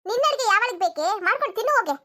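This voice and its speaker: A woman's voice: extremely high pitch, expressive, very fast, sharp tone, exaggerated voice. A woman voicing a bossy, scolding mother-in-law in a cartoon comedy, nagging and threatening. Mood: exasperated.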